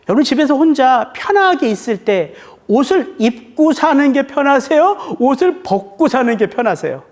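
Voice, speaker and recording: A middle-aged male pastor delivering a heartfelt sermon. His pitch rises and falls in wide, lively swings, and he slows to a deliberate pace on the words he stresses. His tone is earnest and emotional. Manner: emotional preaching, slowing down on key words.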